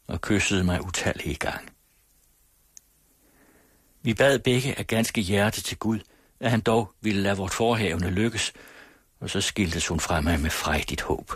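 A man narrates a classic story in a low, husky voice, his reading measured and solemn with an old-fashioned literary cadence. The sound is dry and close to the mic. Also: dry recording. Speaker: audiobook reader.

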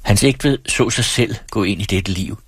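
Grave low-voiced male narrator. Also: breathy edge. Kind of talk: audiobook reading.

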